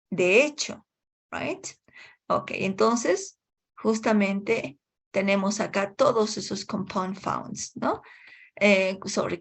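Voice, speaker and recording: A woman teaching an English class at an unhurried, slow pace. She checks in with her students every few phrases and drops English words into her explanations. Her voice sits at a middle pitch. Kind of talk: online class lecture.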